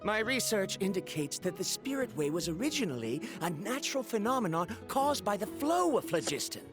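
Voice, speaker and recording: In this scripted video game dialogue, an actor voices an earnest, scholarly man who researches ancient dragons. His high voice swings widely in pitch and moves a little fast as he explains things in a formal, pedantic, eager way over background music.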